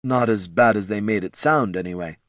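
A man's voice: on the low side, brisk, fairly bright tone, dry recording, studio quality, lightly acted. A man voicing a plain-spoken male undead recruit who talks matter-of-factly. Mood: offhand. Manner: offhand, matter-of-fact.

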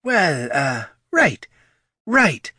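A man's voice: on the high side, sing-song, drawn-out words, bright, forceful tone, breathy edge, dry recording, studio quality, voice pushed up, full character voice. A man voicing a nervous, fumbling spectral woman who apologizes and hedges as she delivers bad news. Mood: flustered.

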